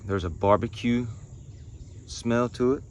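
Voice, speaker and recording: A man in his thirties giving a casual review to camera, speaking in short phrases with unhurried pauses. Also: mid-range voice. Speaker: pipe tobacco reviewer. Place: outdoors in a pine wood.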